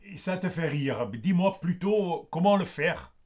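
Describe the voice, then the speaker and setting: Man doing a singing student, impatient, pleading, a little irritated, fairly high voice. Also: expressive, measured pace, darkish tone.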